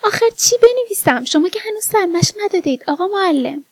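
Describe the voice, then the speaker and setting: A woman voicing a playful, mischievous young woman in a storybook reading, pitched up high and teasing. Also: no echo, natural voice.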